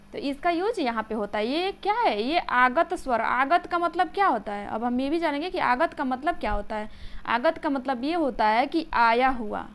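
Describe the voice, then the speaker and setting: A woman teaching grammar for exam preparation, slowing down to spell out key terms and often checking whether students follow. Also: high voice. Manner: checks understanding with frequent "samajh gaye?"; slows down to dictate key terms. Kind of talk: exam-prep lesson explaining letters.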